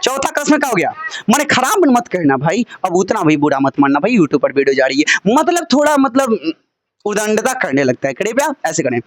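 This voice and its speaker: A man with a lively high voice teaching Sanskrit in a Bhojpuri-inflected way. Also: a little fast. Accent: Bhojpuri-inflected Hindi. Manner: sing-song chanting of word forms, joking and coaxing. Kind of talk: classroom lesson with call-and-response drills. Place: classroom with children.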